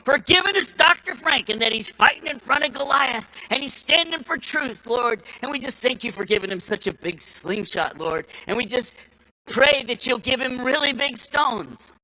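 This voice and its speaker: A man voicing a fervent old woman who prays loudly in a rising, preachy cadence. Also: on the high side, animated, normal speed, voice pushed up, low-quality recording.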